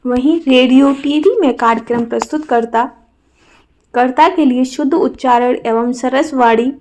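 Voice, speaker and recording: A woman's voice: on the high side, a little mellow. A woman teacher reading a prepared exam answer aloud as a lecture, stressing words in example sentences.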